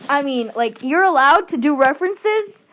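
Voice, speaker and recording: Playful female co-streamer, higher pitch, jokey riffing chat. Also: lively intonation, normal speed, a bit bright. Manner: goofy, jokey, quotes movie lines. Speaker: co-host on stream. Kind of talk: casual chat during a drawing stream.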